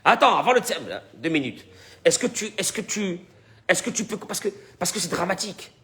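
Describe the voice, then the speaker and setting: A man's voice: high voice, normal speed. A man, a rabbi teaching the weekly portion, who acts out dialogue and keeps asking his listeners questions. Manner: animated, dramatizes dialogue, repeats words, questions the audience. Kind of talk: Torah class.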